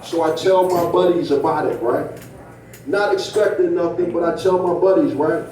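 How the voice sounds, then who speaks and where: A man's voice: fairly high pitch, fairly even intonation, normal speed, a little mellow, a little hiss or hum. A male stand-up comedian telling a profane story to a club crowd, tagging his lines with "right?". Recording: echoey room, mic from a distance.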